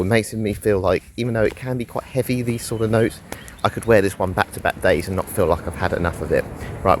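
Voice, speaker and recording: A deep-voiced, sniffly man with a head cold gives a casual fragrance review while out walking outdoors. His voice is a little mellow, with slight background noise, and he's chatty and rambling, sighing along the way.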